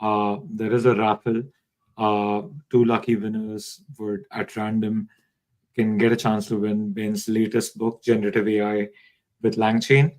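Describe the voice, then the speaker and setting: A man's voice: on the low side, completely flat delivery, a little slow, darkish tone, rough recording. A man hosting a live online session, welcoming viewers and reading out their comments over a video call. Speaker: live-stream host.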